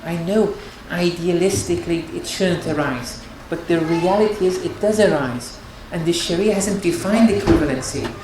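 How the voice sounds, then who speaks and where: A woman's voice: on the low side, moderate pace, hardly any pauses, background noise. Earnest woman lecturing in an echoey hall. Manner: earnest, repeats words and restarts phrases. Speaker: marriage counsellor and lecturer. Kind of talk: religious lecture on marriage.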